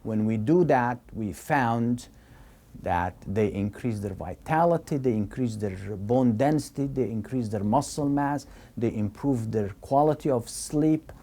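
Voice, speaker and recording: Older male doctor in his sixties, slow and dark-toned, explaining in an interview. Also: medium pitch. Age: 60s. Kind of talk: interview answers.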